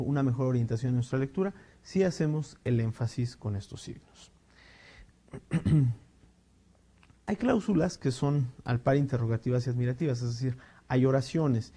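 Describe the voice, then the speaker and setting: A male teacher explaining punctuation rules, reading example sentences slowly with emphasis and checking in with the class. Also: mid-range voice, mellow. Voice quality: clears throat now and then. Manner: explanatory, with frequent fillers and checking "¿sí?". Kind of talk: recorded spelling and punctuation lesson.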